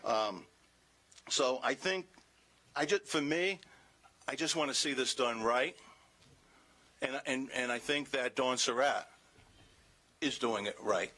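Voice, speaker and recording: A man giving a measured, opinionated public comment at a city council meeting. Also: medium pitch, pushed and bright, low-quality recording.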